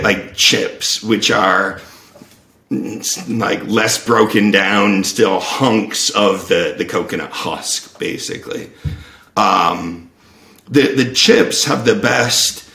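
Low gravelly man in an echoey room. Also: sharp tone. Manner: thoughtful, explains at length. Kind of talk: casual conversational explaining.

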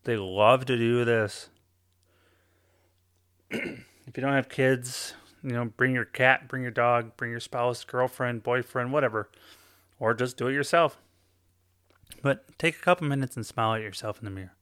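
A man giving a slow guided self-help talk, coaching listeners step by step and often checking in with "okay?". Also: medium pitch, fairly bright tone, clear, resonant tone, dry recording, clean studio sound.

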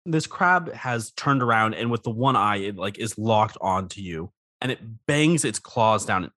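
Animated male game master, slightly under the weather. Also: on the low side, a little slow, dry recording, studio quality. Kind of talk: casual tabletop game narration.

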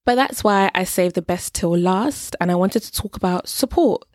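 A woman's voice: medium pitch, moderate pace, darkish tone, no echo, studio quality. A woman hosting a faith-based podcast, talking earnestly and affectionately to her listeners in a preacherly way. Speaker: podcast host. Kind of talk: faith-based encouragement talk.

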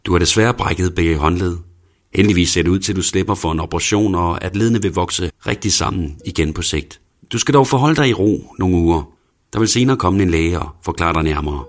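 A man reading the lines of a friendly woman nurse in his own deep voice, soft and reassuring. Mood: gentle.

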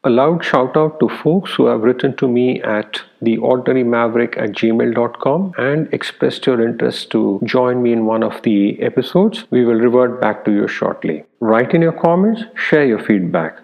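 Gravelly-voiced man hosting a storytelling podcast. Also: mid-range voice, highs cut off. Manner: reflective, unhurried, with frequent "uh" and "you know". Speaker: podcast host. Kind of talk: personal storytelling monologue. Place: Abuja, Nigeria.

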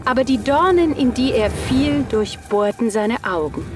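Slow, gentle woman reading a fairy tale. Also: fairly high pitch, animated. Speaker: narrator. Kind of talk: storybook reading. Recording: clear background music.

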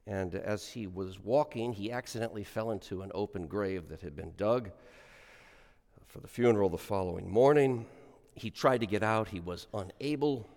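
A middle-aged or older man, a clergyman reading scripture and preaching in a measured, emphatic way, with deliberate pauses. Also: on the low side, vocal fry, darkish tone. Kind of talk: liturgical reading and sermon. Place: large church, speaking to a congregation. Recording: long echoing reverb of a large church.

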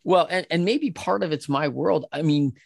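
Brief: upbeat male co-host, slightly higher voice, dry close sound, lively anecdotes. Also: moderate pace, vocal fry, dry recording. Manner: animated storyteller, acts out quoted voices, laughs often. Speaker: podcast co-host. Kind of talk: casual conversational chat.

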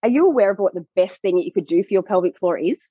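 A woman pelvic health coach explaining her work in a podcast conversation, animated and acting out what clients say. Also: medium pitch, very fast, breathy edge, dry recording, phone-quality sound. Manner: animated, acts out clients' voices.

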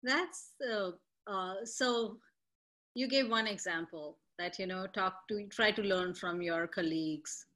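A woman's voice: medium pitch, slow, fairly bright tone. A woman hosting an interview podcast, chatting in a conversational way and often saying "you know". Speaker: host.

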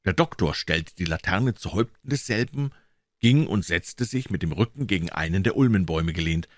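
A man reading a classic novel aloud as an audiobook, in a measured, even storytelling manner. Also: low-pitched, no room sound, studio quality. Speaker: audiobook reader.

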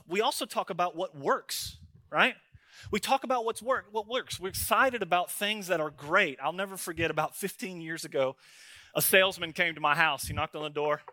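A man preaches in a bright, forceful, slightly high voice. He tells folksy stories and keeps checking in with his listeners. The sound is close and dry, with no room echo. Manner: folksy storytelling, tags lines with "right?" and "man". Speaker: pastor. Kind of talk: sermon.

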